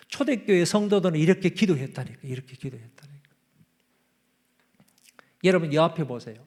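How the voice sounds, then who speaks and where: Brief: male revival preacher, fairly high voice, emphatic and repetitive, rises to loud calls. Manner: emphatic, calls out and repeats phrases. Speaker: pastor. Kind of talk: revival sermon. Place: church.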